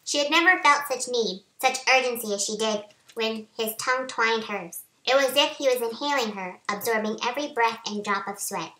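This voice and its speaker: A middle-aged author reads her own romance novel aloud in a small home office, her voice raised by helium. She sounds a little high, bright and forceful, speaking fairly quickly with few pauses into a webcam at arm's length, and the room gives a roomy echo.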